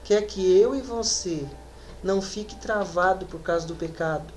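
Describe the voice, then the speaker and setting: A woman preacher with a Brazilian Portuguese accent, reading scripture slowly and then preaching with rising emphasis. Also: mid-range voice, a little mellow, faint music behind. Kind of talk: sermon. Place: church.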